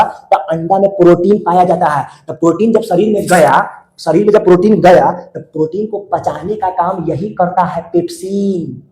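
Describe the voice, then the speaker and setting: High-voiced man drilling a class. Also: warm tone. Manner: drills students with call-and-response questions; repeats words many times, colloquial. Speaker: teacher. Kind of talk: classroom lesson. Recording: echoey room.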